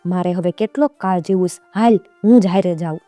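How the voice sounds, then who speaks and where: A woman's voice: lowish voice, brisk, mellow, no echo, faint music behind, natural voice. A woman voicing a devoted elderly servant woman, frail but determined, in a folk tale. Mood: anxious. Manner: pleading, calling out.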